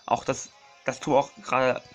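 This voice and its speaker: A man's voice: mid-range voice, level tone, normal speed, faint music behind. A man doing casual let's play commentary, rambling and apologizing often, repeating his words and calling his viewers his friends.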